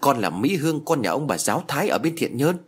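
A man voicing a frightened elderly mother, talking in a shrill, quavering, exclaiming way. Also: big pitch swings, fast talker, breathy edge. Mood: bewildered.

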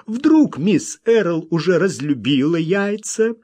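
A man's voice: sits high, sing-song, slow pace, mellow, pitched above the performer's own voice, heavily acted. A man voicing a hot-tempered, lovesick gold miner who blusters and pleads. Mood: pleading.

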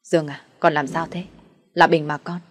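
A woman's voice: low-pitched, little pitch movement, normal speed. Woman reading a worried old father.

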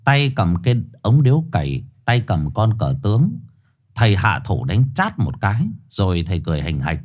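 A man tells a ghost story in a low voice, his pitch rising and falling with lots of life. His delivery is colloquial and vivid, the way a storyteller spins a yarn. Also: sing-song, moderate pace, darkish tone.

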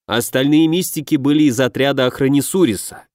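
A man voicing a frightened, scheming dog-headed junior mystic who pleads in a hurried, raised voice. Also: mid-range voice, a little mellow, no echo, studio quality, lightly acted. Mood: pleading.

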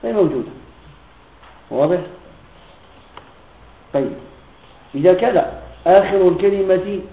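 A man teaching a classroom grammar lesson who often checks that his students follow and repeats example phrases slowly. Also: high-pitched, animated, a little hiss or hum. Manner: keeps checking students' understanding with questions. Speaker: Islamic teacher. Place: room with students present. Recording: echoey, tinny lo-fi recording.

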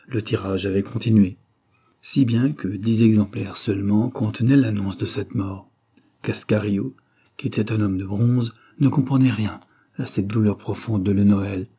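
A man with a French accent reads a classic novel aloud in a measured, expressive way. His voice sits low and mellow, with a slightly husky edge. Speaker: audiobook reader. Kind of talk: scripted narration of a classic novel.

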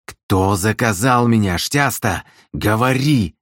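A man's voice: low-pitched, takes it slowly, darkish tone, dry recording, clean studio sound. A man voicing a furious young man who growls and hisses at his sister in cold rage, read as an audiobook character.

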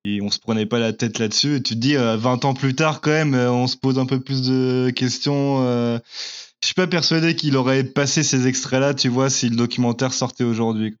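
A man's voice: medium pitch, steady tone, a little fast. Rambling man, slightly muffled sound. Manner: rambling, hesitant, many fillers and restarts. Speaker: podcast co-host. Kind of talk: casual chat.

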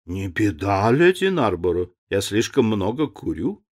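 A man reading gives a quiet older lady in a storybook, mild and subdued, with a lively pitch. Her tone is soft and modest. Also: unhurried, husky, heavily acted. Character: older society lady, apologetic smoker.

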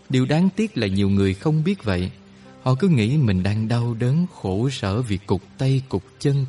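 A man voicing a calm, wise older male healer who explains things slowly and gently. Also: lowish voice, natural voice. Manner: slow, gentle, instructive.

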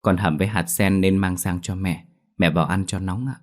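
A man voicing a polite, gentle young daughter-in-law in a ghost story. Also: low voice, fairly even intonation, moderate pace, close to an everyday voice.

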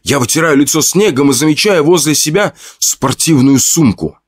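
A man's voice: fairly high pitch, animated, moderate pace, husky, no echo. A man narrating a first-person horror story in a conversational way, with fillers and asides to the listener.

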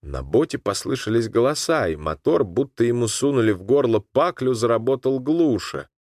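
A man narrating a literary story in an expressive audiobook reading. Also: mid-range voice, normal speed, dry recording, clean studio sound.

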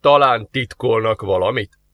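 A man's voice: on the low side, fairly bright tone, no room sound, lightly acted. A man playing a curt suspicious demon. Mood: sarcastic. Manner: curt, sarcastic, wary. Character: gruff suspicious male demon. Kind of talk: audiobook character voice.

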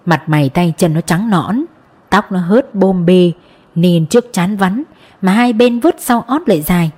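A woman narrating a novel as an audiobook in a steady storytelling manner. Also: fairly low pitch, measured pace, slightly rough. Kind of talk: scripted narration.

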